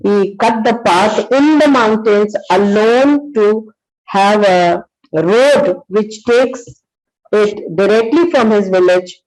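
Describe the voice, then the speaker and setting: Earnest storytelling full of pauses and fillers marks this motivational talk by a psychologist, a woman in her sixties with an Indian accent. Her mid-range voice is a little mellow, and the recording is low quality.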